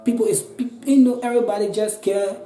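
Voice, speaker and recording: A man's voice: high voice, steady tone, quick pace, mellow, roomy sound, rough recording. Liberian man in his twenties pleading. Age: 20s. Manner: pleading, repetitive, restarts often. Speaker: interviewee. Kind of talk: earnest personal account.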